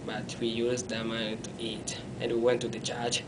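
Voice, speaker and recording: A camera a few feet away captures a young adult Congolese man in a small indoor room as he recounts his earlier life for an interview. He talks with his hands, keeps an even pitch, and speaks haltingly in non-native phrasing, often restarting and correcting himself, over a continuous low rumble.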